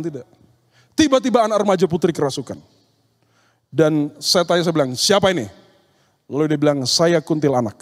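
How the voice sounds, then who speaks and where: A man's voice: high voice, a little mellow. Man preaching in a long-reverb hall. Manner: storytelling, acts out dialogues with demons and youths. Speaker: speaker at an occult seminar. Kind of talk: seminar sermon with told stories.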